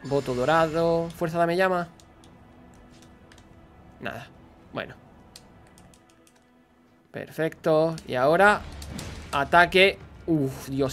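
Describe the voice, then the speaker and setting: A man's voice: on the high side, fairly bright tone. A man with a Spanish accent from Spain, hosting a reaction video and chatting as he explains gameplay. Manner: chatty, explains and laughs along. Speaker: reaction host.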